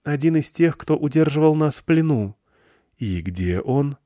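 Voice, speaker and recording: A man voicing a tearful, defiant teenage girl with high, strained speech. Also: expressive, unhurried, mellow, no echo, studio quality. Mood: subdued.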